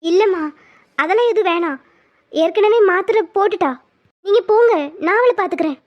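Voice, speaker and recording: Calm comforting cartoon girl, voiced by an actor, very high pitch, muffled lo-fi. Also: brisk. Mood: soothing. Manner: soothing, advising. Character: caring young woman, calm and reassuring. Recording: dull lo-fi sound.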